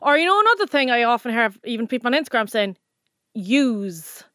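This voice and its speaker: A woman's voice: fairly high pitch, sing-song, very fast, bright, forceful tone, smooth, no echo, clean studio sound. A woman with a Cork Irish accent in casual, chatty banter, explaining slang and swearing freely. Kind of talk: casual chat about slang.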